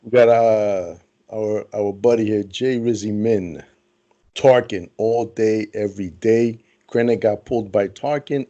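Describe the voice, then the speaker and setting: A man co-hosting a casual podcast, relaxed, reading out listener comments. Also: lowish voice, muffled recording. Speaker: podcast co-host. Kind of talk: casual chat.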